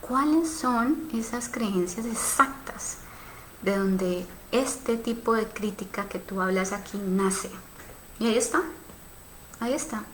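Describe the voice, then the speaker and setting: The audio is low quality, with a little hiss or hum, and the woman's voice sits on the high side. She's in her thirties, from Cali with a Colombian accent, and hosts a casual sexuality live stream where she mulls over viewer comments aloud, full of fillers and tag questions.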